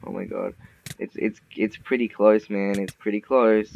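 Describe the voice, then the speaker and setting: A man's voice: lowish voice, wildly swooping pitch, normal speed, gravelly, darkish tone. Trash-talking young man, muffled mic. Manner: swearing, trash-talking, teasing. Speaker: gamer recording a Minecraft video. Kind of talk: casual gaming chat. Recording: dull muffled mic with faint noise.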